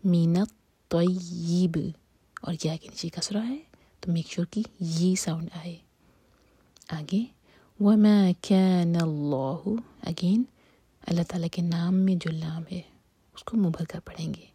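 A woman with a very breathy, husky voice, set low and mellow, teaching a whispered tajweed lesson. She murmurs each rule quickly, then draws the verse out slowly in a soft voice. The recording is dry and close. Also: steady tone, dry recording. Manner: whispers explanations, recites verses slowly and aloud. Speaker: Quran recitation teacher.

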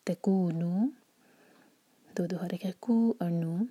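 A woman teaching recitation step by step, often half-whispering her explanations and drawing out each recited word slowly. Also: on the low side, breathy edge, no room sound. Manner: soft, often whispered explanations between slow drawn-out recited words.

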